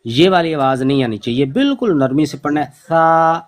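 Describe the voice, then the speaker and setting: Male recitation teacher on an online call, mid pitch, slow and patient, models each sound by repeating it. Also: sing-song, darkish tone. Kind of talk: online pronunciation lesson.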